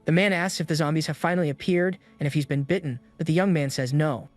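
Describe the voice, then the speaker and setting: A man's voice: on the high side, quick pace. Man narrating a story recap over music. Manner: even, steady retelling in third person.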